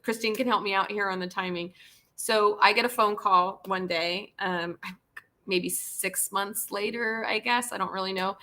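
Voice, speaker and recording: Earnest, bright-voiced woman host. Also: medium pitch. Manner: earnest, pleading, repeats words when emotional. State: tearful at times. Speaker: podcast host and pet spa owner. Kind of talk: live-stream casual talk.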